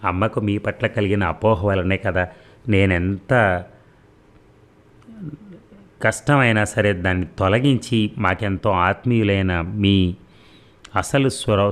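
A spirited, teasing young woman pleads her case in a novel's audiobook, as a man reads her lines. The voice stays very deep and low throughout, earnest and persuasive rather than acted up, like a storyteller lending her his own tone. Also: unhurried, long pauses, lightly acted. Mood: pleading. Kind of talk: audiobook dialogue reading.

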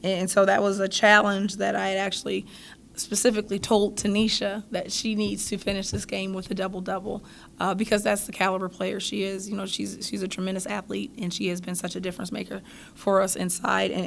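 Seated in a press room before a logo backdrop with a table mic in front of her, a basketball coach in her thirties gives thoughtful post-game answers. Her voice is medium-pitched and creaky, with slight background noise, and she tends to repeat words when beginning a phrase.

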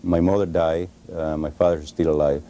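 A Cuban-accented man in his forties, a Spanish speaker, answering in a TV studio interview, halting with many pauses and restarts, on a lapel mic. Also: very deep voice, flat delivery, mellow, slight background noise. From Cuba. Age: 40s. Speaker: interview guest, author.

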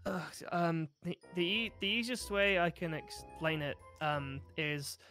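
A man's voice: on the high side, measured pace, bright, forceful tone, faint music behind. A man voicing Cal, an awkward, sarcastic teenage camper in a fan roleplay, stammering when flustered.

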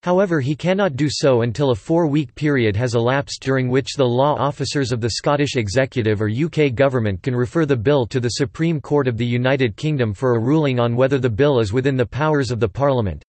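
A man's voice: medium pitch, no echo. Synthetic male article reader, very dry. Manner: even, steady reading of an encyclopedia article. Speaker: text-to-speech reader.

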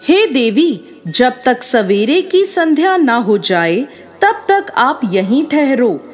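A woman's voice: high-pitched, very animated, takes it slowly, faint music behind, full character voice. A woman voicing a stern, devout male sage who speaks in solemn pronouncements in a devotional story. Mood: gentle.

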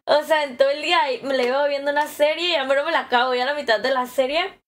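A young Mexican woman with a high, light voice hosts a relaxed live stream. She chats casually and greets each viewer by name, often breaking into easy laughter. She speaks close to her phone camera, indoors at home. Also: fast talker. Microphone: phone camera held close.

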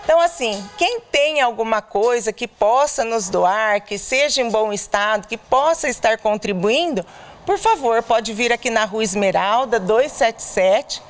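A woman's voice: on the high side, animated, a little slow. A middle-aged woman volunteer interviewed at a charity bazaar, explaining earnestly with frequent hesitations into a handheld mic. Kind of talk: on-camera interview. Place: indoors at a clothing bazaar. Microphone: handheld reporter mic.

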